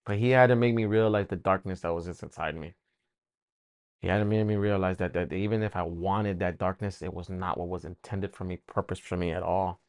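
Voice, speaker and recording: Man, personal testimony, emotional, halting, repeats himself, low voice, dry sound. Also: fairly even intonation, a little mellow, no echo. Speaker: testimony speaker.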